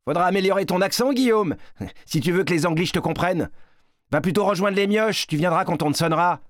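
A man's voice: high voice, no echo, studio quality, pitched above the performer's own voice, lightly acted. A man voicing a cocky young man who mocks the younger boys, in a storybook reading. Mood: mocking. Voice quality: quick, sneering, raised voice. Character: cocky mocking young man, a boastful bully.

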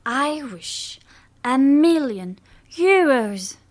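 A woman's voice: on the high side, unhurried. A woman voicing an eager young girl. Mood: earnest. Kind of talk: audiobook character voice.

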